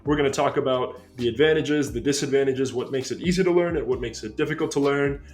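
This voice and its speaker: A young American man in his twenties hosting a language-learning video, giving an upbeat scripted explainer and slowing down to stress key points. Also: mid-range voice, music in the background. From United States.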